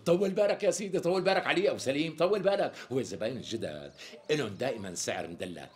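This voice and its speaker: An actor with a Syrian accent playing a flattering tailor who talks around the price in flowery sales patter. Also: male voice, medium pitch, very fast, lightly acted. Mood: coaxing. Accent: Syrian Arabic. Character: smooth-talking flattering tailor who dodges naming a price. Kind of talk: TV sketch comedy acting.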